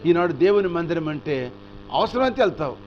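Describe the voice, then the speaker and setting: A male pastor preaching a storytelling sermon, animated and asking the congregation rhetorical questions. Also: on the high side, brisk, lo-fi sound, a little hiss or hum.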